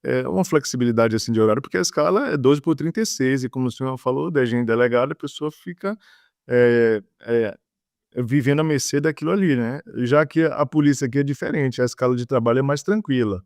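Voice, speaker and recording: Male interview guest from Bahia, mid pitch, dry sound, lots of fillers. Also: a little fast, a little mellow, no echo. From Bahia, Brazil. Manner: fillers and repeated words. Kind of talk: conversational interview.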